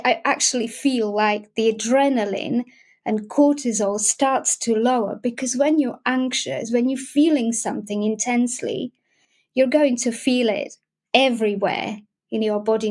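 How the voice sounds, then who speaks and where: A woman's voice: fairly high pitch, darkish tone. A young adult woman with a Slovak accent, speaking in a casual interview as a wellbeing guest, hesitant with many restarts. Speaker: guest, emotional wellbeing facilitator.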